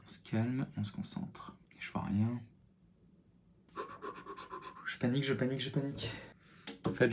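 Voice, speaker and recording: A man's voice: on the low side, a little mellow, slight background noise. A young man chatting through a makeup tutorial at home, self-mocking and muttering as he works. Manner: self-mocking, mutters and sighs at own mistakes. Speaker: makeup vlogger. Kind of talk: casual makeup tutorial chat.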